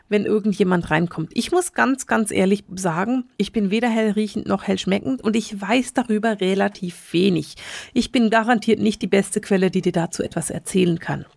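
A middle-aged woman talks very fast and urgently as she hosts a solo teaching podcast. Her voice sits at an ordinary middle pitch. It is recorded dry, with no room sound. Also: gravelly, a little mellow, dry recording. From Switzerland, grew up in Bern. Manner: talks very fast and urgently, repeats words for emphasis. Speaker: podcast host, spiritual medium.

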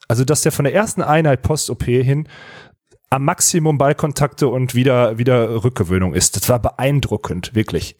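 A man's voice: medium pitch, darkish tone, no echo, clean studio sound. A man co-hosting a casual podcast chat, telling a story with enthusiasm, many restarts and fillers. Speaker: podcast co-host.

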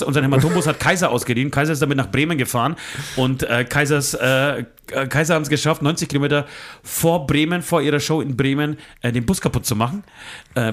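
A man's voice: mid-range voice, fast. A man in his forties on a casual podcast, rambling through a confession story, swearing and acting out both sides of phone calls. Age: 40s. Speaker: podcast co-host.

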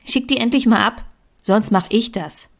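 A woman voicing a pushy, energetic young female friend who lectures and urges in a storybook reading. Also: on the high side, moderate pace, pitched above the performer's own voice, lightly acted.

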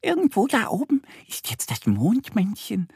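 A man voicing a curious little female duckling in a children's audio story, in a high, wondering childlike voice. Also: wildly swooping pitch, moderate pace, creaky, darkish tone, slightly rough, no room sound, studio quality, exaggerated voice.

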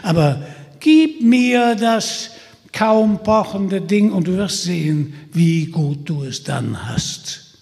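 A man's voice: high-pitched, lively intonation, slow, gravelly, a little mellow, full character voice. A man voicing a sly, scheming male forest spirit who mocks and persuades, with long reverb around him. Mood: mocking. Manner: mocking, persuasive, jeering.

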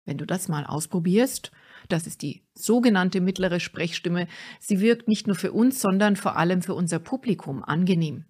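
A middle-aged woman with a fairly low voice explains good speaking habits in a scripted podcast lesson. Her delivery is clear, deliberate and instructive, like a speaking coach teaching. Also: lively intonation, darkish tone.

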